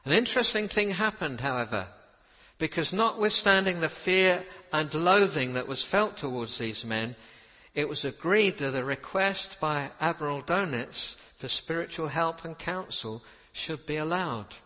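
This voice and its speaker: A man's voice: fairly high pitch, expressive, moderate pace. A man delivering a sermon, telling a story earnestly and quoting old letters with emphasis. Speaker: preacher. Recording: dull reverberant hall recording.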